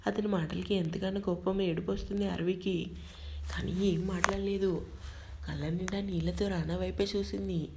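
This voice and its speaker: A woman storyteller narrating a romantic drama story in a steady, expressive reading voice. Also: lowish voice, moderate pace, gravelly, a little hiss or hum.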